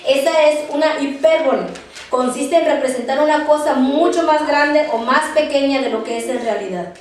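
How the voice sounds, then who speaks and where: A high-pitched woman leads a Bible study lesson, slow and halting, circling back over her words and spelling terms out letter by letter. She is heard from a distance in a very echoey room with faint background noise. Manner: halting, repeats words, tags phrases with "¿verdad?"; spells words out slowly for note-taking. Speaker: Bible class teacher.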